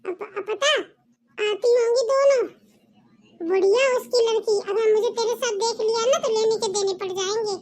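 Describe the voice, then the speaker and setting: Woman doing a kind older sister-in-law, coaxing and giving advice, very high voice. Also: moderate pace, darkish tone. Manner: coaxing, advising. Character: caring elder daughter-in-law, kind and scheming. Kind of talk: home-made family drama.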